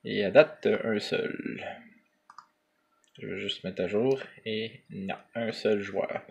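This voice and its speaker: A man's voice: lowish voice, a little slow, gravelly, husky, highs cut off. A man with a Quebec French accent chatting casually to camera as a vlogger, hesitant and rambling, in colloquial slang.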